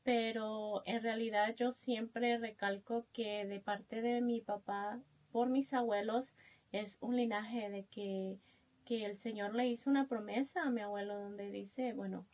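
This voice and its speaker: Guatemalan woman guest, unhurried, soft, hesitant speaker. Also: fairly high pitch, fairly even intonation. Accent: Guatemalan Spanish. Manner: soft-spoken, hesitant with many fillers. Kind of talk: testimony interview.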